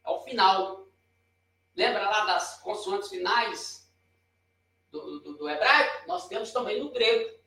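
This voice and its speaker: A man's voice: high voice, lively intonation, takes it slowly, pauses often, bright, forceful tone, recorded from a distance. A man with a Brazilian Portuguese accent giving a chatty, informal lesson at a board, pointing and correcting himself as he explains. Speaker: teacher. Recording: very echoey room, voice off-mic.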